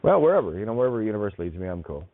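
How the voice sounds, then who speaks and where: A male show host reading listener emails aloud in a casual, halting way, full of fillers and frequent chuckles. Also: on the low side, no echo. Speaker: online radio show host. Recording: tinny phone-like line, dry.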